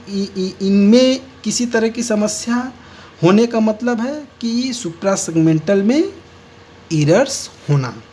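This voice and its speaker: A man's voice: sits high, darkish tone, a little hiss or hum. A man teaching a lesson and explaining each point step by step. He often repeats key words and restates them. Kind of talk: lecture on speech errors.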